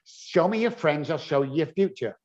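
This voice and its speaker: A man working in addiction recovery, answering an interview with animated anecdotes and acted-out dialogue. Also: on the high side, normal speed, highs cut off.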